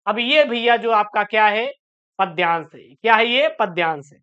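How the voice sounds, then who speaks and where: A male teacher talks students through a board exam paper, chatty and reassuring. He recites verse slowly and carefully. His voice is smooth and resonant, and the recording sounds muffled and lo-fi. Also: high voice, expressive, pushed and bright. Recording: dull lo-fi sound.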